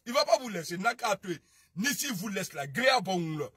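A man with an Ivorian French accent ranting on a political livestream, scolding and shouting, then dropping to low mutters. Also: big pitch swings, fairly quick, husky, dry recording, clean studio sound. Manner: shouting, scolding, swings between loud outbursts and low muttering. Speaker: online video commentator. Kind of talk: heated political livestream rant.

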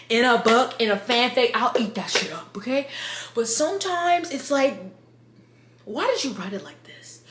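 A drunk woman in her thirties giving a rambling, exasperated, sweary book review rant in an animated, emphatic way. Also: a little high. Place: living room with bookshelves, indoors. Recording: roomy home echo.

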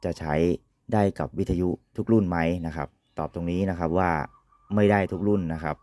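Deep-voiced man explaining gear. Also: fairly quick, warm tone, no echo. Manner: polite, repetitive sentence-ending particles. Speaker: radio equipment reviewer. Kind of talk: informal explanatory product demonstration.

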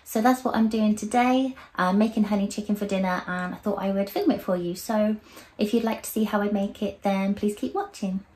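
A young woman from the United Kingdom talking casually through a cooking vlog in her home kitchen, relaxed and chatty, with filler words as she goes. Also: mid-range voice, brisk, background noise. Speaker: vlogger. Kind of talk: casual cook-along vlog.

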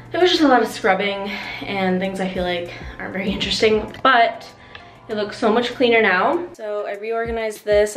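A woman vlogging casually at home, chatty and full of "like" fillers. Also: medium pitch. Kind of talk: casual vlog narration. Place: at home indoors.

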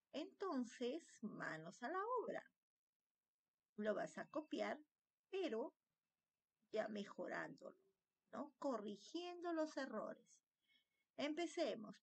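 A woman teacher giving a slow, patient slide lesson to children, often checking in with the class. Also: a little high, vocal fry, breathy edge.

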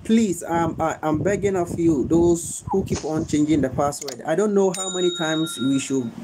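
A young Ghanaian man with a Ghanaian English accent, hosting a live phone tutorial indoors on his phone's front camera. He talks slowly and repeats himself, pleading with viewers to stay. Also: on the high side, noisy background. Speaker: livestream host.

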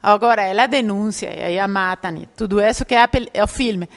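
A woman's voice: medium pitch, brisk, gravelly. A woman giving a public lecture, explaining step by step and often checking in with her audience. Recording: reverberant lecture hall.

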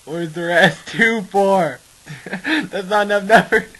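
Teen boy, goofy jokey vlog co-host; unhurried, bright, on a laptop mic in a kitchen. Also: high-pitched, slightly rough, poor audio. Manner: giggly and joking, often breaking into laughter. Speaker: co-host of a home cooking video. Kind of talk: goofy casual chat. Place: home kitchen, indoors. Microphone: laptop webcam mic.

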